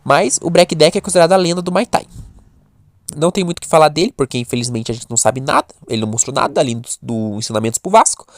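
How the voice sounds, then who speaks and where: A man's voice: fairly high pitch, fast talker, dry recording. A young man from Brazil, giving rambling casual commentary full of fillers and restarts. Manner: rambling, self-correcting, lots of fillers. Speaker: commentator on webtoon characters. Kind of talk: casual talking-head commentary.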